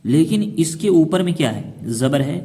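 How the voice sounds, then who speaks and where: Man, Quran reading teacher, fairly high voice, asks and answers his own questions, long reverb. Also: expressive, mellow. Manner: asks questions and then answers them himself, slowing down to spell out syllables. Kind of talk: explaining a lesson to children.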